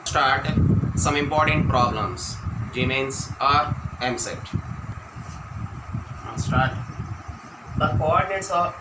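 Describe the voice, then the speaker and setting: A man's voice: mid-range voice, slow, long pauses. Indian-accented man dictating in an echoey room. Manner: dictating key points, repeating phrases. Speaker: mathematics teacher. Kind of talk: classroom lecture for exam students. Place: echoey room, teaching at a board. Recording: roomy, distant microphone, noisy background hum.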